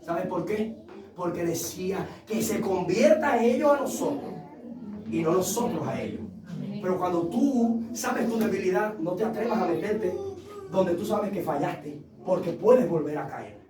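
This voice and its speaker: A male pastor preaching a passionate sermon, telling personal stories and rising into shouts. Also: high voice, expressive, a little slow, noisy background. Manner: impassioned preaching that swells into shouts; tells personal stories with acted quotes. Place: church sanctuary. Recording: echoey church sound from a distant mic.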